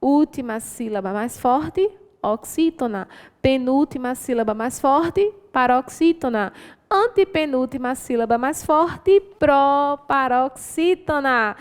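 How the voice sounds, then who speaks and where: High-voiced Brazilian woman teacher, echoey. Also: expressive, slow pace, smooth. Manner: explanatory, encouraging, frequent tag questions. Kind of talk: exam answer walkthrough.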